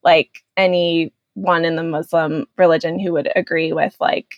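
A woman's voice: deep voice, level tone, a little slow, no echo, lo-fi sound. A woman explaining her views in a casual, conversational way, often hedging as she goes.

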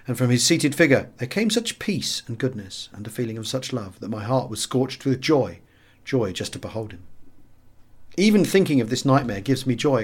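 A man with a mid-range voice reads a wartime memoir for a scripted audiobook. His delivery is measured and expressive, and the ends of his phrases drop to a hush.

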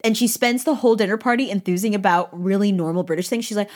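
A woman co-hosting a casual book podcast, animated and swearing freely as she acts out quotes from the story. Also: medium pitch, fast. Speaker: podcast co-host.

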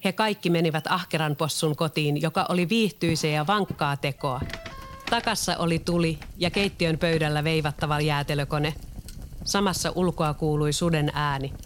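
A narrator reading a children's storybook aloud in a steady, clear manner. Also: medium pitch, a little hiss or hum.

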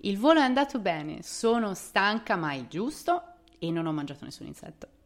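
A woman voicing a young soldier sister who speaks in a dry, ironic manner, slightly raised and louder. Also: medium pitch, big pitch swings, normal speed, voice pushed up. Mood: reassuring.

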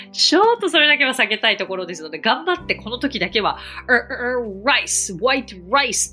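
Woman podcast teacher, very animated pitch, drills words with exaggerated repeats. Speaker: English teacher hosting a podcast. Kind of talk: podcast lesson on English pronunciation.

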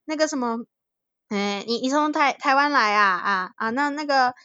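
A woman's voice: high voice, moderate pace, bright, forceful tone, smooth, dry recording, highs cut off. A woman voicing an insistent older acquaintance of Chinese descent in Thailand, who speaks Mandarin with a Taiwanese Hokkien tinge and drawls and repeats himself.

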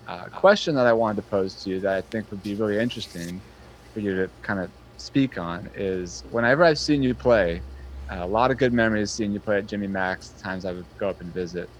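A man with a lowish voice talks in an earnest, appreciative way, stopping and restarting his sentences as he asks a fellow musician about his craft. A faint ambient hum sits under his voice. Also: fairly quick, poor audio. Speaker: interviewer, touring musician. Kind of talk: casual interview chat.

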